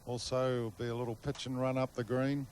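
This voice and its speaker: A male golf commentator talks through play in short, measured phrases. His voice sits at a medium pitch, with faint outdoor noise behind him. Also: little pitch movement, a little mellow.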